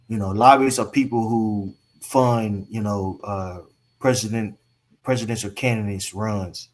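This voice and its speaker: A man in casual political chat, rambling with lots of fillers and laid-back slang. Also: on the low side.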